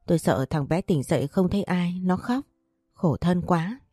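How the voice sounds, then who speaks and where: A woman's voice: lowish voice, normal speed, warm tone, no echo, clean studio sound, soft background music, lightly acted. A woman voicing a frightened older housemaid who cries out in panic, in a storybook reading.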